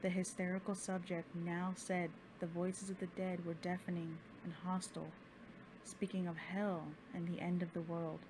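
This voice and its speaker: Low-pitched woman narrating horror, noisy backdrop. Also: flat delivery, normal speed. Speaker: storyteller, host of a horror story channel. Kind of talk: scripted horror story narration. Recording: background noise and ambience.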